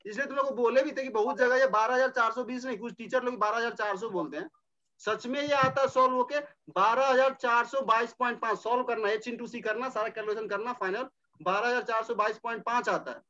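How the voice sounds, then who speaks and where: High, bright-voiced male tutor. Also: fairly quick. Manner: casual, coaxing, repeats numbers while working problems. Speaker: teacher. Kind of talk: informal chemistry lecture. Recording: dull lo-fi audio.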